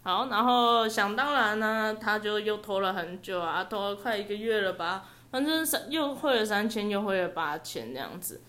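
A young woman telling a story on a podcast, lively and laughing often, on a headset mic. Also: medium pitch, moderate pace, hardly any pauses. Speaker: podcast co-host. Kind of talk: casual chat, storytelling. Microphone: headset microphone.

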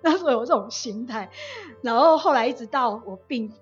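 A young woman from Taiwan, a nurse telling her testimony as a guest in an animated way and acting out the words of the people she quotes. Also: a little high, a little fast. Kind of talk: personal testimony storytelling. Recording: dull lo-fi audio with faint music.

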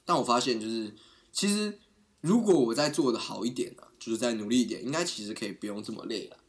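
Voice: mid-range voice, animated, quick pace. A podcast co-host, chatting casually in a playful, self-mocking way with frequent laughter. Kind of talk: casual chat.

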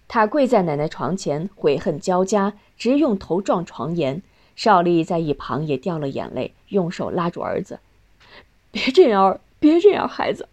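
Calm low-voiced woman narrator. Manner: calm, steady storytelling. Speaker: audiobook narrator. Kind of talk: scripted narration of a novel.

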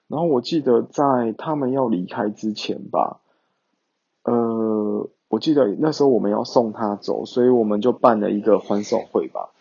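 A man's voice: on the low side, normal speed, creaky, darkish tone, slightly rough, lo-fi sound. A young man, chatting casually to viewers in a rambling way with many fillers. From Taiwan.

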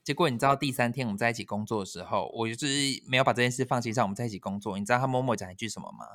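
A man chatting casually, telling a story with lively, animated quoting of others. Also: very fast. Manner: animated, acts out quotes with sudden high squeals. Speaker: storyteller in a chat. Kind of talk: casual chat.

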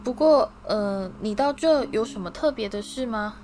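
A polite, nervous boy wizard who picks his words with care and hesitates often, as a woman reads him. His voice sits a little above the narrator's usual tone, with soft music under the storybook reading. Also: fairly high pitch, expressive, normal speed, lightly acted.

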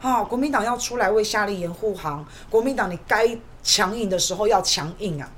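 A woman's voice: medium pitch, a little fast, slight background noise. A woman hosts a political commentary podcast, delivering an emphatic monologue full of rhetorical questions.

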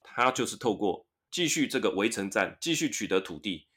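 This man's husky, somewhat bright voice is on the low side, with big pitch swings and a moderate pace. He hosts a podcast lesson, reading English news aloud and explaining it with frequent tag particles.

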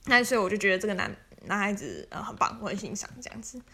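A woman's voice: medium pitch, very animated, fast, bright, forceful tone. A woman, casually telling stories as a podcast host, chatty and laughing often. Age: 20s. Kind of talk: casual storytelling monologue.

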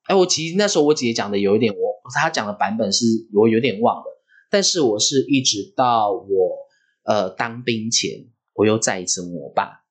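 A man, hosting a podcast and telling a story in a vivid, animated way. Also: lowish voice, fairly quick, slightly rough. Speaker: podcast host.

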